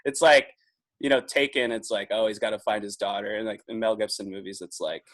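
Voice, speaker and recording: A man's voice: fairly low pitch, steady tone, brisk, fairly bright tone. Chatty man in his twenties. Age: 20s. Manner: chatty, laughs often, leans on filler "like". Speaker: podcast guest, video producer. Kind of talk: casual podcast chat.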